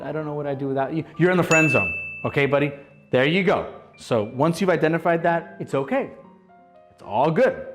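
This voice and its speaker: A man in his thirties hosting a casual dating advice vlog, blunt and bro-ish, who keeps asking "okay?" and calling his viewers "guys". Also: mid-range voice. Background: faint background music.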